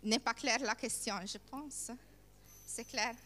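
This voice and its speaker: A woman leading a workshop, speaking haltingly in French that is not her native language, putting questions to participants. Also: on the high side, steady tone, pushed and bright. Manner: halting, searching for words in non-native French. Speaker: workshop trainer. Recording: echoey hall with long reverb.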